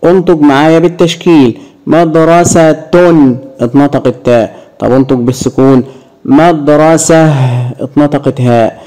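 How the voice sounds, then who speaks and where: A man with an Egyptian Arabic accent teaching a grammar lesson to young children, drawing out example words slowly. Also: medium pitch, warm tone, low-quality recording. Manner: slow, drawn-out word demonstrations.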